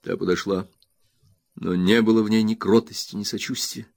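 Gravelly man narrating an audiobook. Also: lowish voice, fairly even intonation, normal speed, a little mellow, no echo. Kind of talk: scripted narration.

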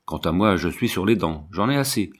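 Guy putting on a blunt peasant nurse lady, raised a bit higher, plain-spoken storybook voice. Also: animated, brisk, slightly rough. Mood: fed up.

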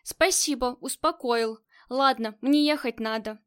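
A woman's voice: high voice, unhurried, fairly bright tone, clean tone. A woman voicing a stubborn, tough female gang leader in an audiobook, curt and commanding. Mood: tense. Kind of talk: audiobook character reading.

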